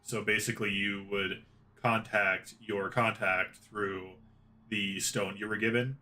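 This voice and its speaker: A man's voice: fairly low pitch, level tone, a little slow, pushed and bright. A man acting as game master, explaining rules and the map step by step to his players. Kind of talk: narrating a tabletop game.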